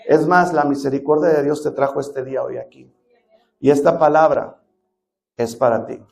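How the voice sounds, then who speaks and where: A pastor preaching to his congregation in a church. His voice sits high for a man. He presses hard on key words, then drops to a hush, and keeps asking the room questions. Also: fairly even intonation, moderate pace, vocal fry. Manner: emphatic preaching, swinging between loud stresses and hushed drops. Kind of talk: sermon.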